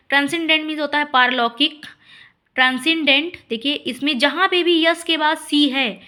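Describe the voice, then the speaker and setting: A woman teacher giving a spelling and vocabulary lesson, spelling words out letter by letter and stressing each key word slowly. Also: high-pitched, pushed and bright. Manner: repeats "ठीक है" and "अब देखिए" as fillers.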